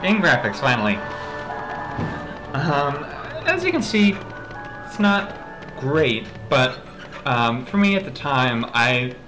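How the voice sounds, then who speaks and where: Male let's play host: mid-range, lively swings, casual rambling commentary, wry, game music behind. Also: mid-range voice, slow, long pauses, low-quality recording. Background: game music and dialogue.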